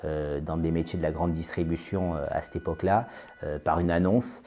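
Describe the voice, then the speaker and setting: A man nearing forty talks through a podcast interview in a deep, dark, mellow voice. He hesitates constantly, filling pauses and repeating words as he goes. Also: fairly even intonation, slight background noise. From France. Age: 30s. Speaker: interview guest, business owner.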